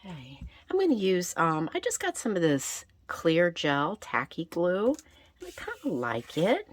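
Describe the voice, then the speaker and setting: Female craft host, deep gravelly whiskey rasp from recent illness, informal and chatty, thinking aloud while she works. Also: huge pitch swings, unhurried. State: getting over a recent illness. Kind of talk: casual craft tutorial chat.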